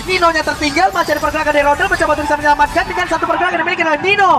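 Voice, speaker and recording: An Indonesian man giving excited live esports commentary like a fighting game announcer, with dramatic shouts and drawn-out words. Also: extremely high pitch, heavy background noise. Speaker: esports play-by-play caster. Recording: loud music and crowd behind. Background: loud music and arena crowd.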